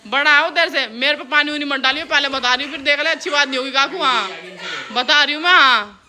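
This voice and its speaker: A woman's voice: high voice, quick pace, pushed and bright. A woman filming a casual family vlog, teasing and laughingly scolding the kids and a young relative. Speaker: vlogger. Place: outdoors and at home with family.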